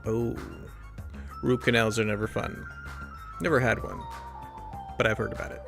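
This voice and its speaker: A man's voice: lowish voice, fairly even intonation, normal speed, vocal fry, music in the background. A man playing a game and reading its dialogue aloud in shifting tones, with wry casual asides between lines. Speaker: let's play streamer.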